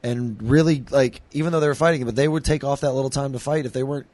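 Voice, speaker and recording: A man who coaches fighters speaks fast on a podcast, his voice sitting in a mid range. He rambles, restarts his sentences and lets his phrases trail off. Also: mid-range voice, fairly even intonation, darkish tone, dry recording. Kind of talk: casual podcast chat.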